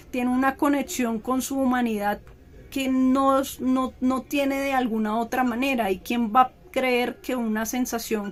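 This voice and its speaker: A woman lectures a class in a fairly high voice. She explains step by step and keeps checking in with her listeners. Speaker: teacher.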